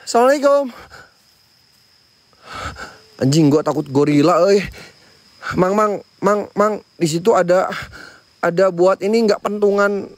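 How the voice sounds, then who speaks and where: A man's voice: high voice, expressive, unhurried, pauses often, dry recording. A man hosting a night ghost-hunting vlog outdoors near a sacred tree, jumpy and frightened as he talks to his viewers. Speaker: paranormal explorer and host.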